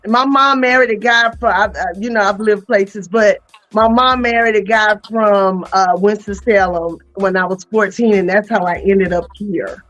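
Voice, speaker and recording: A woman from North Carolina, hosting a casual chat podcast in a loud, playful, slangy way. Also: medium pitch, steady tone, normal speed, highs cut off, soft background music. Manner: loud, playful, chatty, drops into Southern slang. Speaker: podcast host.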